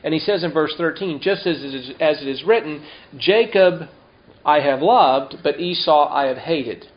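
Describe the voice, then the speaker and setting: A man preaching a sermon, reading scripture slowly and emphatically and asking the congregation rhetorical questions. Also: fairly high pitch. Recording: dull lo-fi sound.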